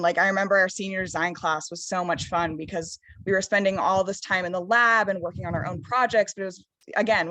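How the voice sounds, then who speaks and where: A woman's voice: on the low side, a bit bright, dry recording. A young woman on an alumni panel, speaking sentimentally and casually with frequent fillers.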